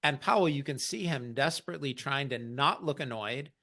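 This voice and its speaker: A man's voice: mid-range voice, brisk. A man hosting an investing podcast, explaining central bank news in a wry, conversational way. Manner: explanatory, wry, lively asides. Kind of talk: conversational market commentary.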